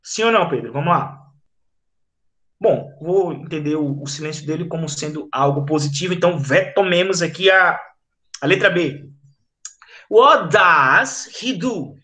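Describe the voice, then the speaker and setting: A man's voice: fairly high pitch, normal speed, a bit bright. A man with a Brazilian Portuguese accent teaching an online English class, chatty and explanatory, often checking in with his students. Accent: Brazilian Portuguese, from Rio Grande do Norte.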